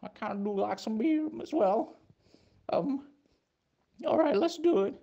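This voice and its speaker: A man's voice: extremely high pitch, animated, a little slow, warm tone, muffled recording, heavily acted. A man voicing a timid, polite cowboy sidekick in a comic cartoon, hesitant and stammering. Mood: nervously agreeing. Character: timid, polite high-voiced cowboy sidekick, easily tempted.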